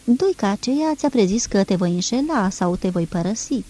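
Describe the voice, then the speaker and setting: A woman's voice: mid-range voice, expressive, dark tone, close to an everyday voice. Woman reading an urgent young man. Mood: insistent. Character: young man, anxious, insistent lover.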